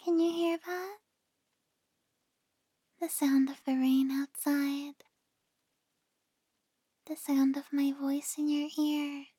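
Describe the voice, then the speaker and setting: A tender girlfriend played by a woman in an ASMR role-play, right in the listener's ear. Her voice is soft and mellow, very unhurried, in a dry, intimate space. She soothes and reassures like a partner easing someone to sleep. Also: high-pitched, level tone, no room sound. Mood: soothing, lulling. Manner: slow, gentle, soothing. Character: tender, reassuring female partner lulling a loved one to sleep.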